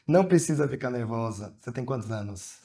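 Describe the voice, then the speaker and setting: A man's voice: mid-range voice, gravelly, warm tone, slightly rough. A man hosting a podcast live in a theatre, chatting with guests in a casual, encouraging way. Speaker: podcast host. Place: theatre stage with live audience.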